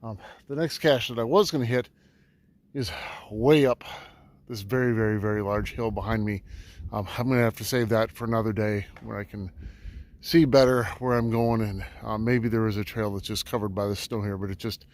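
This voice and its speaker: A man's voice: lowish voice, steady tone, moderate pace, a little mellow. A man narrating a casual outdoor vlog in snowy woods, easygoing and full of ums and uhs, talking to a camera set up on the trail. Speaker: metal detecting vlogger.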